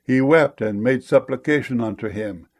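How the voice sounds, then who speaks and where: A man with a medium-pitched voice narrates scripture for an audiobook. His delivery is solemn and formal. He reads in measured phrases, giving each line its weight. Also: darkish tone.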